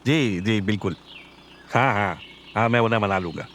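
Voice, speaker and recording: A man's voice: on the low side, normal speed, a bit bright, slight background noise, natural voice. A man doing a fawning pushy broker. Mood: salesy. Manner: fawning, salesy, eager. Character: pushy smooth-talking male property broker. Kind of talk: horror audio drama.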